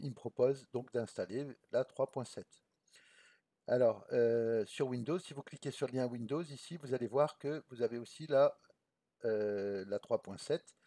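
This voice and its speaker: Man teaching coding, dark dry voice. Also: medium pitch, no room sound. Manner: casual, many fillers and restarts, explains step by step. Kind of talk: screencast programming lesson.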